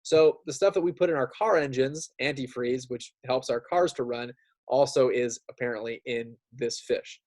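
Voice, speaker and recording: An elementary school teacher reads aloud to young students in a relaxed, chatty way, tossing in casual asides and frequently checking in with the kids. His voice is medium-pitched and slightly mellow, at a normal speed.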